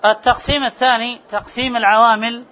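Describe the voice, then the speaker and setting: A man's voice: very high voice, little pitch movement, fast, bright, forceful tone. A man teaching a grammar class, repeating key terms and quizzing his students. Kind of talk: classroom lecture. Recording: muffled classroom recording with murmur.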